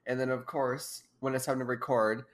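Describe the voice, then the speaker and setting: A young woman in her twenties, co-hosting a podcast, chats casually in an extremely low, steady voice at a moderate pace. Stuffed up with allergies, she sounds congested, rambles, and giggles often.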